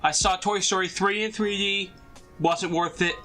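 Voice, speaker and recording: A man's voice: high voice, fairly even intonation, normal speed, bright, forceful tone, faint music behind. A man co-hosting a casual film review chat, earnest and enthusiastic, with some teasing.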